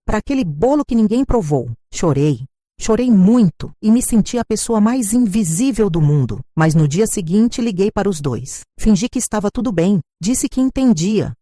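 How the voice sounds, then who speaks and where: An older woman narrating her own story in a hurt, measured way. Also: medium pitch, mellow, no room sound, clean studio sound. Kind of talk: scripted first-person narration.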